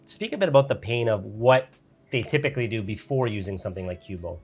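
A man's voice: lowish voice, expressive, fast talker, a little mellow, husky. A man in his thirties hosting a casual interview over a headset on a video call. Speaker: podcast host. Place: home studio room.

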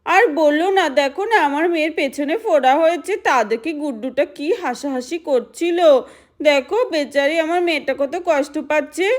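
A woman's voice: high voice, moderate pace, natural voice. A woman voicing a worried village mother who complains and gossips about the neighbours. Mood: fretful. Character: fretful village mother of a sick girl.

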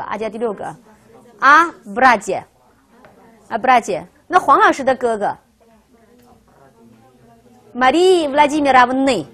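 Her voice sits high and sounds slightly rough. Teaching a language class in lecture style, she poses rhetorical questions to the students and keeps checking in by asking "right?"

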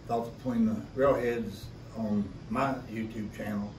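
A man's voice: on the low side, a little mellow. Folksy west virginia guy w appalachian accent rambling on a podcast, echoey room, bit far from mic. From West Virginia, United States. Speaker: podcast co-host. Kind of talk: casual podcast chat. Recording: roomy, distant mic, faint background noise.

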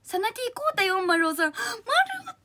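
A very high, bright young woman hosts a livestream, bubbly and cutesy, thanking her commenters one by one. A light colours her words, and her throat sounds a touch husky from strain. She talks close to the mic, indoors. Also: very animated, normal speed. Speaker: idol livestream host. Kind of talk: casual livestream chat reading comments.

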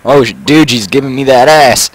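A teenage gamer records gameplay while chatting casually, goofy and teasing and laughing often. His medium-pitched voice moves at a moderate pace, with slight background noise.

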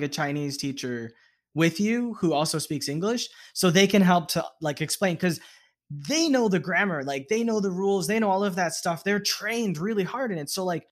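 A podcast host with a somewhat high male voice, speaking in a relaxed, reflective way. He strings thoughts together with frequent "like" and an easy conversational rhythm. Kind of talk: casual interview talk.

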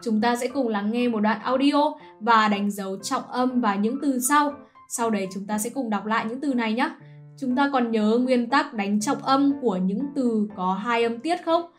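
A woman teacher explaining a lesson patiently and clearly, often checking in with questions to her students. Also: on the high side. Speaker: English teacher.

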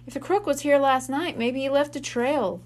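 A woman's voice: high voice, moderate pace, a little mellow, voice pushed up, close to an everyday voice. A woman reading as a thoughtful young boy.

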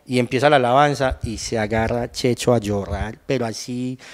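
A man's voice: medium pitch, moderate pace, long reverb tail. A young Colombian man with a Paisa accent, telling his testimony in casual conversation and acting out what he said back then. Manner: animated storytelling, acts out his own past lines. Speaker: guest giving testimony.

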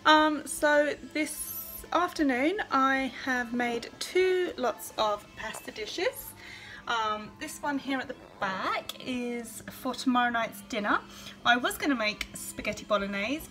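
A woman in her thirties talks casually to her phone at arm's length, walking through her week's meals from her home kitchen. Her voice is bright and sits a little high. She keeps a friendly, chatty flow with plenty of ums. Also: poor audio. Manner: chatty, friendly, lots of fillers. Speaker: home cooking vlogger. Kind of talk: casual chat to camera. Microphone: phone held at arm's length.

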